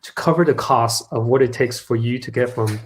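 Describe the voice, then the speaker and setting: Originally from Los Angeles, California, a startup founder talks as a guest in a casual live online event, peppering his explanations with ums. His mid-range voice is brisk, captured on a rough recording with slight background noise.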